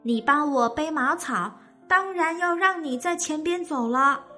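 A woman's voice: high voice, a little slow, sharp tone, soft background music, pitched above the performer's own voice. A woman voicing a small, clever male rabbit in a children's story, sly and playful.

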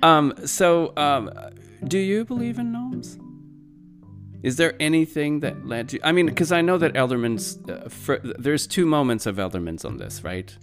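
A podcast host in his forties, not a native English speaker, runs a casual interview in an enthusiastic, rambling style full of fillers. His voice is a little high with big pitch swings at normal speed, and soft music plays in the background.

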